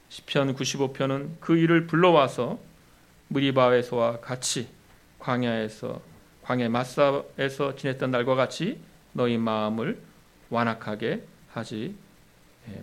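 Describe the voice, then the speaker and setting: A man preaching a sermon as a pastor. His voice climbs and gets louder when he voices the complaints of the people, then drops low and soft to close each point. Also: measured pace, gravelly, pauses often. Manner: rises in pitch and volume when voicing complaints to God.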